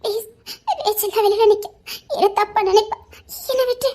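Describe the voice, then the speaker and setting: A woman's voice: extremely high pitch, fairly even intonation, a little fast, dark tone. A woman playing a panicked young wife. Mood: pleading. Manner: pleading, half laughing half sobbing. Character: frightened young wife trying to escape a room. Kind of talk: audio romance drama.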